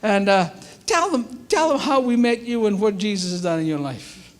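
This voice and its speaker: High-voiced Scottish man preaching. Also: moderate pace. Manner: lively, joking, exclaiming. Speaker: guest speaker, missionary. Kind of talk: church talk with humor. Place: church sanctuary.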